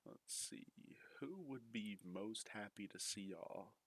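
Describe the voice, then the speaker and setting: A male streamer with a very deep, low voice, talking in a relaxed, offhand way to his viewers. The sound is close and dry, with no room in it. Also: slow, husky, no echo. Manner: laid-back, thinking out loud. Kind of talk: casual chat to viewers.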